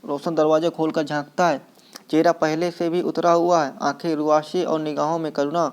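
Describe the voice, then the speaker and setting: A man narrating the stage directions of a one-act play as a literature teacher, in steady storytelling manner. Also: on the high side, moderate pace, clean tone.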